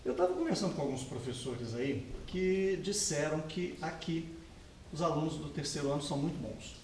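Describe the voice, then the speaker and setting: Interviewer, distant echoey sound. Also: male voice, on the high side, normal speed, darkish tone, slight background noise. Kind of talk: interview questions. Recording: echoey room, off-mic.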